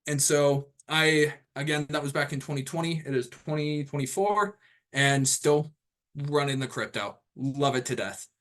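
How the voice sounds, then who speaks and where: A man's voice: a little high, moderate pace, a bit bright. A man in his twenties hosting an online training call over video, talking casually and rambling with lots of fillers and restarts. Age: 20s. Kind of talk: casual self-introduction on a group call.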